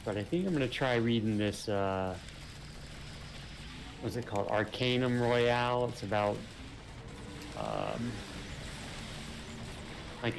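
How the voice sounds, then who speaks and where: Over loud game sound, a man with a creaky, mid-range voice talks casually while playing a co-op game. His gaming chatter wanders and stalls, packed with hesitations and fillers.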